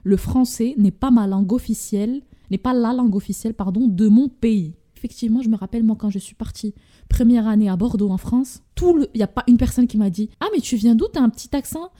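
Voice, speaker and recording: A young Moroccan woman hosts a relaxed podcast conversation, her voice mellow and warm. She tells stories with energy and drops in Darija and English words. Her voice sits slightly high for a woman. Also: brisk. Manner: animated storytelling, mixing in Darija and English words. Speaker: podcast host. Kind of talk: casual chat.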